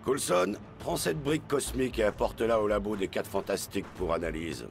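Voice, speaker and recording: A stern, commanding spymaster barks curt orders in a French game dub. The voice sits a little low. Game music plays behind him. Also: male voice, brisk, gravelly. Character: stern male spy agency director, commanding.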